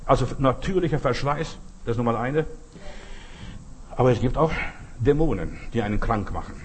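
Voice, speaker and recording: An older male pastor preaching a sermon, telling a personal story in an animated way and speaking directly to the listener. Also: mid-range voice, normal speed, slight background noise.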